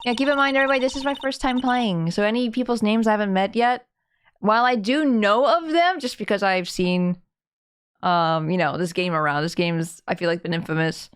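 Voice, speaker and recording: A woman's voice: mid-range voice, a little fast, clean tone. A bubbly woman streamer chatting casually and self-mockingly through a live game playthrough.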